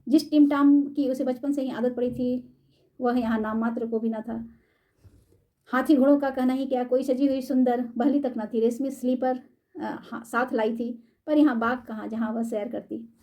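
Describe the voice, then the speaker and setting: Mellow-voiced woman storyteller. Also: sits high, steady tone. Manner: measured and formal. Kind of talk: reading a classic short story aloud.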